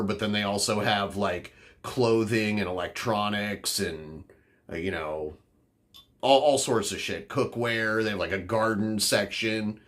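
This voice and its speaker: With a slightly bright, fairly low voice, a northern United States man rambles through a podcast, answering chat offhandedly. Fillers crop up constantly in his casual talk.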